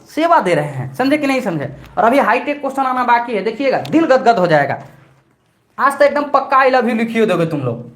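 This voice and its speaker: This middle-aged maths teacher, whose Hindi carries a Bhojpuri tinge, leads a live online exam-prep session in a high-pitched, somewhat bright voice. Chatty throughout, he goes over each point repeatedly and scolds the students in turn.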